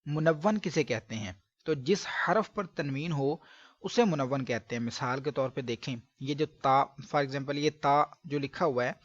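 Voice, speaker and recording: A man's voice: medium pitch, a little slow, no room sound. A man teaching Quran recitation step by step, from Pakistan, patiently drawing out syllables in drills. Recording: dry, dull lo-fi recording.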